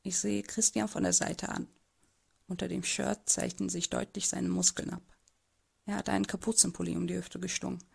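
Woman voicing a timid, husky teenage boy narrator. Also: lowish voice, flat delivery, moderate pace, darkish tone, heavily acted. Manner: hesitant, subdued first-person narration. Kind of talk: amateur audio drama narration.

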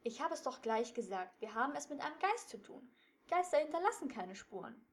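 A woman voicing a nervous teenage boy who is sure there is a ghost, talking excitedly and defensively. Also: high voice, brisk, pitched above the performer's own voice. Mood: spooked.

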